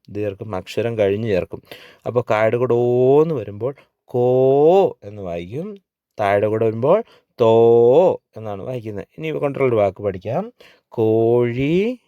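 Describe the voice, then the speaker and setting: A man, a teacher, slowly leading children through a spelling lesson and repeating each sound and word with patience. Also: lowish voice, warm tone, no room sound.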